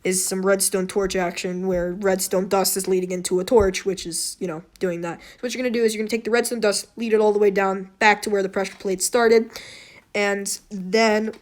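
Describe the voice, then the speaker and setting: Hoarse, slightly wheezy woman rambling casually. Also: medium pitch. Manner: rambling, self-deprecating, apologetic. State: hoarse throat. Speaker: tutorial host. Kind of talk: casual unscripted game tutorial commentary.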